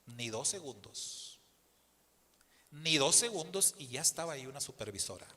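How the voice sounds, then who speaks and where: A man's voice: mid-range voice, moderate pace. A man with a Mexican accent, a pastor telling a story in a sermon and acting out the people in it. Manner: animated storyteller who acts out the people in the story. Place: church hall. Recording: long hall reverb.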